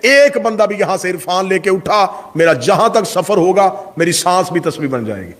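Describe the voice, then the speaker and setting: A male Shia cleric giving a majlis sermon, oratorical and full of rhetorical questions, swinging from loud peaks to hushed asides. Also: high-pitched, lively intonation. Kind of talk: majlis sermon to a live congregation.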